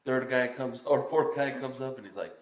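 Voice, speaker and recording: A man's voice: mid-range voice, normal speed, echoey room, dull audio. A young man co-hosting a casual podcast, teasing friends and telling a story with laughter. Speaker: podcast co-host. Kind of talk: casual chat.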